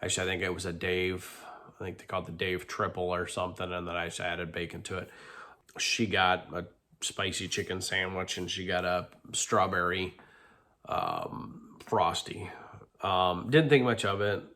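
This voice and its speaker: Talking candidly through a stuffed-up nose, a middle-aged man gives a rambling vlog confession packed with ums and false starts. His deep voice is pushed and bright, with fairly even intonation at a moderate pace.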